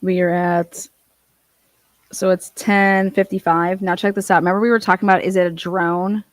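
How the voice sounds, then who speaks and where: A woman's voice: on the low side, little pitch movement, normal speed, dry recording. A woman giving casual, conversational commentary to an audience, repeating questions for emphasis. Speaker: commentator playing back radio recordings.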